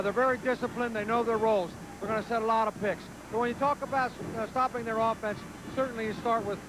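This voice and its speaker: A man giving sports analysis as a color commentator in a conversational, explanatory way. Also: very high-pitched. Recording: noisy live arena broadcast.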